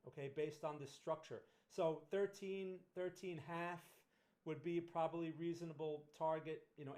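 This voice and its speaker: Speaking on the high side with a darkish tone, this middle-aged New Jersey-accented host from the northern part of the state chats through market analysis on a casual livestream. He keeps restarting and tagging on "right?" as he goes.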